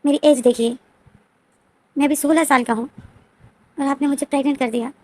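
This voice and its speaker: A desperate, hurt teenage boy, played by a woman narrator pleads and asks pained questions. He sits a little high in pitch and talks in a plain spoken storybook retelling. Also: fairly even intonation, fairly quick, no echo, natural voice. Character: tearful sixteen-year-old boy, desperate and hurt.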